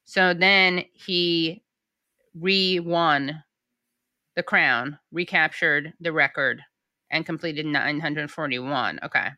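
A woman's voice: deep voice, takes it slowly, sharp tone, no room sound. A woman co-hosting a podcast, chatting casually and reading news items aloud with wry, dry humor. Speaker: podcast co-host.

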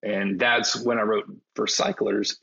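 A man with a low, husky voice and a gravelly edge talks as a podcast guest. He speaks hesitantly and pokes fun at himself, with plenty of fillers. The recording sounds dull and lo-fi. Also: level tone, unhurried, bright, forceful tone. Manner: hesitant, self-deprecating, many fillers. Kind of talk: casual interview conversation.

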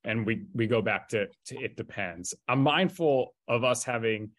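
A man's voice: medium pitch, normal speed, a bit bright, no room sound. A man hosting a podcast interview, thoughtful and asking long open questions. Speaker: podcast host.

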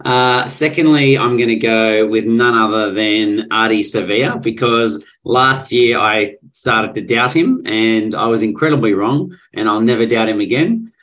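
A man's voice: on the low side, unhurried, hardly any pauses, a bit bright. A man co-hosting a rugby podcast, bantering in a cocky, playful way. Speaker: podcast co-host.

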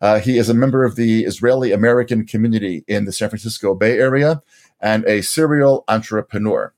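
Low-voiced, courteous male interview host. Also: darkish tone. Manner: measured, courteous and explanatory. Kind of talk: formal introduction and interview questions.

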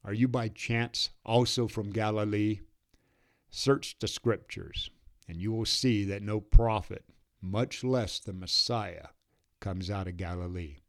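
A scornful male council elder mocks and scolds in a low voice, as a narrator puts him on. He speaks slowly, his contempt drawn out. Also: fairly even intonation.

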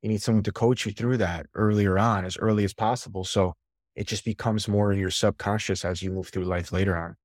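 Man, low voice, casual interview guest, lively storytelling, dry recording. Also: a little fast, no echo. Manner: animated storyteller, swears casually. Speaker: podcast guest, sales leader and coach.

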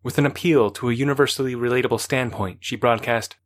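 Measured male audiobook narrator. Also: medium pitch, steady tone. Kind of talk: scripted narration.

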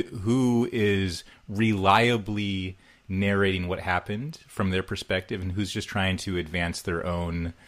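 A man, likely a podcast co-host, speaking in reflective casual conversation and lifting his pitch when stressing a point. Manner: reflective, relating, rising pitch on emphasis. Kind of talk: casual chat.

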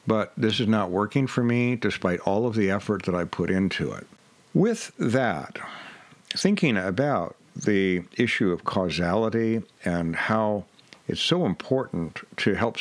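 A man hosting a podcast for doctors, speaking in a measured, thoughtful way with drawn-out phrases. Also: on the low side, no echo. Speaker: physician podcast host. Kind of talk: reflective podcast monologue.

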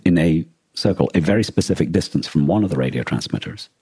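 A low-voiced man co-hosting a casual podcast has a dark, rough-edged tone rather than a crisp one. Speaking quickly with lively intonation, he explains things thoughtfully, if a little hesitantly. The recording is very dry and close.

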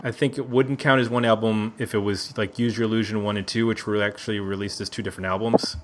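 Over a noisy crowd, a man talks fast in a lowish voice with fairly even intonation. He hosts a casual music podcast round table indoors at a neighbor's house, a Buffalo, US native who's chatty and jokey and often corrects himself.

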